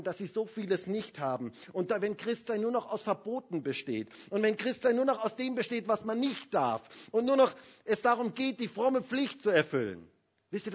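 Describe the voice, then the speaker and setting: A man preaching a sermon as a Pentecostal pastor, his voice husky and set a little high. He swings between loud, rousing exhortation and quiet, close appeals to his listeners. The recording sounds dull and lo-fi.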